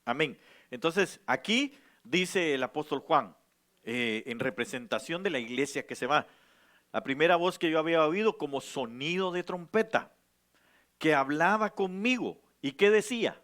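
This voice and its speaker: Pastor, high voice, preaching in church, gets loud and emphatic. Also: male voice, animated, moderate pace. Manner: asks the congregation questions. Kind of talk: sermon.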